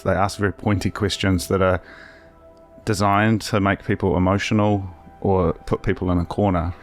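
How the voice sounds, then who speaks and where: A man hosting a podcast, talking in a relaxed, rambling way with casual swearing. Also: sits low. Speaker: podcast host. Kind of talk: casual conversational interview.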